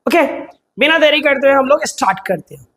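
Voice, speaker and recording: A man with a notably high voice teaches a grammar lesson. He poses his own questions and answers them right away. He repeats key terms over and over so they stick. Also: expressive, fairly quick, pushed and bright. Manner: drills patterns by repeating them. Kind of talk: explanatory online lesson.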